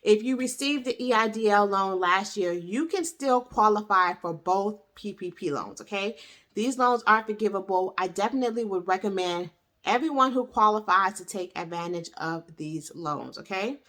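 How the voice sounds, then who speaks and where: A woman's voice: mid-range voice, moderate pace, fairly bright tone. A woman speaking casually and directly to viewers as a tax professional, frank and persuasive, urging them to act and checking in with "okay?". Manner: punctuates points with "okay?". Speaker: tax professional hosting an explainer video.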